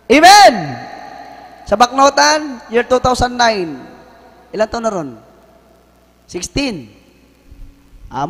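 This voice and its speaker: A man preaching a sermon and telling a testimony, breaking into shouted praise. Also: very high voice. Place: church hall. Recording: long hall reverb.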